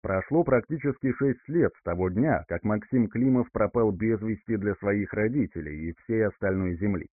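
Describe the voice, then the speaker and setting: Low-voiced man narrating an audiobook. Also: dry recording. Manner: measured storytelling. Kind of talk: scripted narration. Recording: dry, phone-like narrow band.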